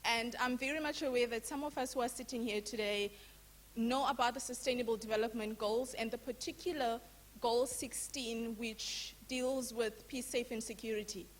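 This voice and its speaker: A woman's voice: fairly high pitch, fairly even intonation. A woman from Zimbabwe who works with young people, putting a formal, earnest question from the floor of a public lecture. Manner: formal and earnest, with deliberate emphasis. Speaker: youth worker asking a question.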